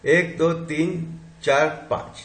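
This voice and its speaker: A man teaching a linguistics lesson, explaining slowly and sounding out syllables one by one as he counts them. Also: a little high, steady tone, fairly bright tone. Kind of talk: classroom lecture. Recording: echoey room sound.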